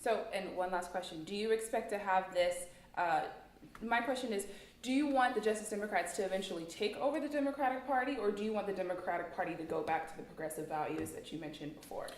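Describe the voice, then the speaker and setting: Brisk woman host, echoey office. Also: medium pitch, a little hiss or hum. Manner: brisk, polite, wraps up quickly. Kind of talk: live web show interview and sign-off.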